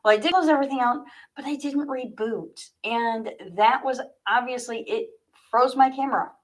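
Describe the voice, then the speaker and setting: At a moderate pace, a high-voiced woman hosts a chatty, informal livestream as an author, talking directly to viewers and later reading her own fiction aloud.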